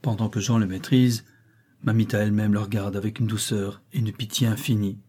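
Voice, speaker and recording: Dark, husky male audiobook narrator. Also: fairly low pitch, fairly quick. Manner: expressive, dramatic phrasing. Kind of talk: dramatic novel reading.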